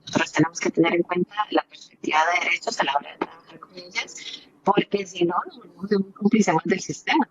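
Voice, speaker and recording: A woman's voice: lowish voice, fast. A woman with a Costa Rican accent, a perinatal psychologist explaining earnestly as a guest in a podcast interview. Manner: explanatory, earnest, uses many fillers. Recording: dull lo-fi audio.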